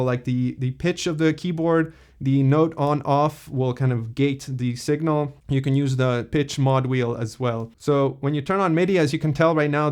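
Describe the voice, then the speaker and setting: A man hosting a casual software tutorial, explaining a plugin in a relaxed way with loose fillers. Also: mid-range voice. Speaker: tutorial host.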